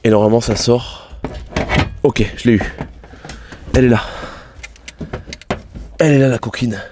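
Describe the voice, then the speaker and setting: A man's voice: mid-range voice, steady tone, measured pace, background noise. A young man casually vlogging about his car, swearing often and thinking aloud as he works in his garage. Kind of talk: casual vlog commentary.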